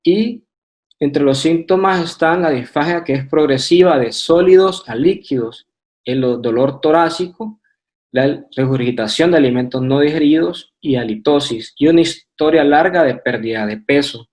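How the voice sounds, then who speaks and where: Male medical presenter, Honduran Spanish accent, slightly raised pitch, steady academic slide talk with small restarts. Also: moderate pace. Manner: methodical, with hesitant fillers and restarts. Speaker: radiology resident presenting.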